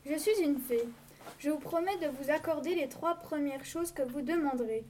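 Storybook fairy, stately and solemn, read by a woman in a high voice. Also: moderate pace, a little mellow, recorded from a distance, slight background noise, lightly acted. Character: stately fairy lady granting wishes. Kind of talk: storybook reading in parts.

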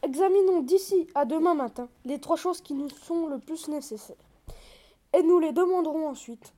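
A woman's voice: high voice, normal speed, dark tone, lightly acted. A woman voicing a poor, cautious husband in a storybook reading, earnest and pleading. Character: poor cautious husband, sensible yet quick-tempered.

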